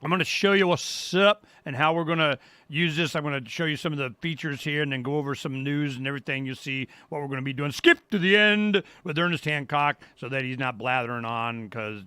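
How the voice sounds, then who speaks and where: Middle-aged guy rambling on his live show, bright forceful voice, dry close sound, keeps going "boom". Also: fast talker, no echo. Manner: loose and rambling, exclaims "boom". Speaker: radio show host. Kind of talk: casual live-stream walkthrough. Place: home studio.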